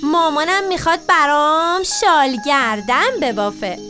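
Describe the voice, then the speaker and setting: Eager little elephant child, played by a woman; high storybook voice over music. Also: expressive, bright, forceful tone.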